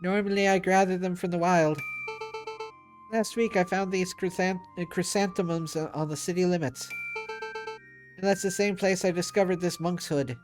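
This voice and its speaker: A man's voice: high-pitched, fairly even intonation, moderate pace, over music, close to an everyday voice. A man voicing a young female swan flower seller in a game, polite and businesslike.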